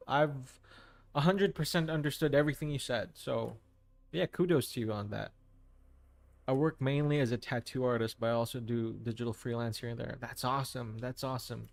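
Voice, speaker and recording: A man hosts a live art stream, painting while he reads out chat messages and answers viewers casually, sometimes restarting hesitantly. His voice is medium-pitched, and the recording is dry.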